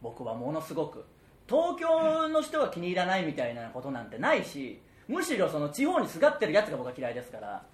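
A man from Okayama hosting a comedy radio talk show, ranting in an animated way with frequent laughs. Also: on the high side, brisk, reverberant. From Okayama, Japan.

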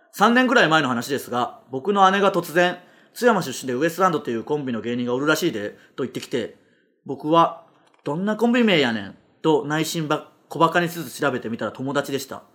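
A man hosting a casual comedy radio show, firing off quick, animated retorts and laughing rants. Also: medium pitch.

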